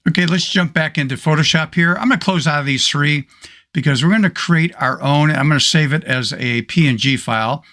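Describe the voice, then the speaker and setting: A man with a hoarse voice, casually talking through a photo editing tutorial step by step. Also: on the high side, fairly quick, sharp tone. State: hoarse, losing his voice. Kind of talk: screen-recorded software tutorial.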